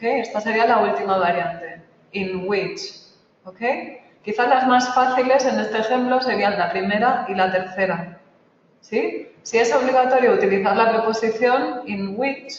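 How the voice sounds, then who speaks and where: A man's voice: high-pitched, unhurried, slight background noise. A man teaching an English grammar lesson, explaining step by step and checking in with a frequent "ok?". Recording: echoey, dull, distant lo-fi room recording.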